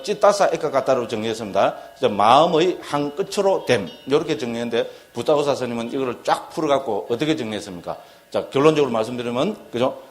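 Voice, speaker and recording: Middle-aged male monk teaching a dharma class. He quizzes the listeners constantly and answers his own questions in a plain, mid-pitched voice. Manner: acts out shouted quotes in a higher voice. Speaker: Buddhist monk lecturer. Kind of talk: dharma lecture.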